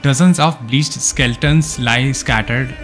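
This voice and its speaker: Over background game music, a man live-streams a game, reading its story text aloud in an unhurried, mid-range voice and dropping in casual reactions.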